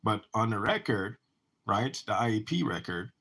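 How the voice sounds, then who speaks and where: A man's voice: lowish voice, expressive, normal speed, creaky, a bit bright, slightly rough. A man who talks about his own life in a rambling monologue, often restarting and repeating words. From United States. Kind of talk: personal monologue.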